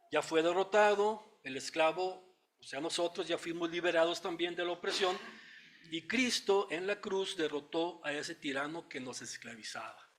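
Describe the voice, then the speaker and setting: A man with a Mexican Spanish accent preaching a Bible study sermon, explaining word meanings in a teacherly way, thinking aloud with small fillers, and reading scripture slowly. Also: fairly high pitch, a bit bright.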